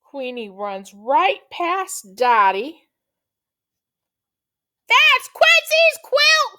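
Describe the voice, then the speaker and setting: Slow, animated woman teacher reading aloud. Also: mid-range voice. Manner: slow, expressive, drawing out words. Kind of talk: reading a picture book aloud to children.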